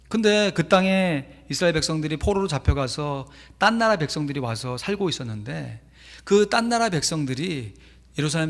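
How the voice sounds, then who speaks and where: A man's voice: high-pitched, fairly bright tone. A man pastor preaching a sermon in a church, telling a story animatedly with sudden emphatic rises. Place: church sanctuary. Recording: long church reverb.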